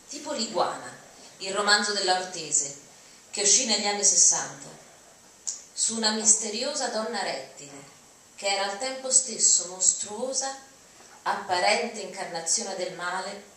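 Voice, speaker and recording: At an auditorium podium, a woman gives a dramatic reading of a written text in a mid-range, sharp-toned voice. The podium mic is captured from the audience, so the recording sounds distant and noisy, with heavy hall echo.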